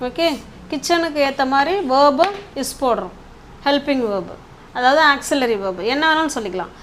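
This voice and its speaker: High-voiced woman teaching grammar. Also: normal speed, a little hiss or hum. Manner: patient, often asks "okay?"; stretches out words while writing. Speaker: English teacher. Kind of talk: spoken grammar lesson.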